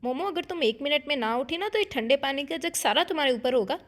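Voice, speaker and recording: Young wife, read by a woman narrator, teasing and brisk, high and lively. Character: young orphaned wife, gentle but teasing.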